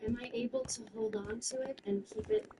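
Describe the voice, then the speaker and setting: A woman's voice: extremely high pitch, sing-song, a little fast, vocal fry. A woman playing in a tabletop game, speaking casually and hesitantly with many fillers. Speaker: player. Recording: distant mic, faint noise.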